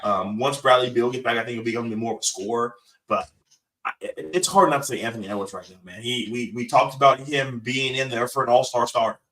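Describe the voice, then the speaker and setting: Bright-voiced man hosting a sports podcast. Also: medium pitch, a little fast, far from the mic, rough recording. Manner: confident, pushes guests for answers. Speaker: podcast host. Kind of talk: casual sports debate.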